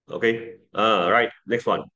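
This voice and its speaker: A man's voice: on the low side, steady tone, slow, bright, forceful tone, highs cut off. A man teaching an English lesson in a playful way, switching between languages and repeating words for learners to copy.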